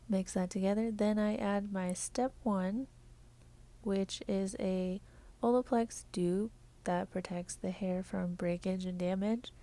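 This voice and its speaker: A woman narrating a home hair-bleaching tutorial as a voice-over, speaking softly and often dropping to a half whisper, at times flat and measured and at times quick and chatty. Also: medium pitch. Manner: soft, half-whispered instructional delivery. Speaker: beauty vlogger.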